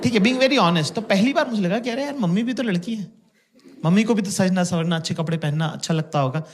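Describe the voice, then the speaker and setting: A man's voice: high voice, fairly quick. A man in his thirties performing a stand-up comedy set, telling stories about his parents and acting out their voices. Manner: storytelling, acts out parents' voices. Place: stage before a laughing audience. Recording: live stage mic, loud crowd and noise.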